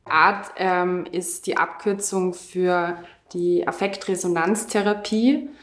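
A woman's voice: lowish voice, steady tone, slow. A woman hosting a casual podcast conversation, speaking in an affirming way. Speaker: podcast host. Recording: roomy echo.

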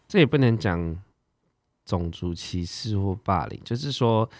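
Deep-voiced man asking casual questions. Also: animated, measured pace, darkish tone, no room sound, studio quality. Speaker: podcast host.

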